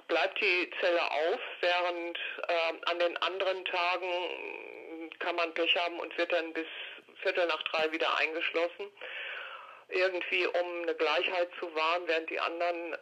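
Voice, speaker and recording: Speaking over a telephone call, an older woman answers interview questions reflectively, with hesitation and plain detail. The line is dull and lo-fi; her voice is low-pitched with a sharp edge.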